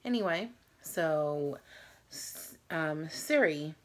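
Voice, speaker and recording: In a small room at home, a tired woman in her thirties hosts a challenge vlog, chatting casually to the camera. Her voice is low, with lively intonation and drawn-out words.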